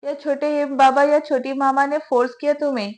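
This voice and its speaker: A brooding young man from a romance novel audiobook, as a woman reads him, sulky and sarcastic. His lines come out irritated, in a high voice. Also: level tone, a little mellow, lightly acted.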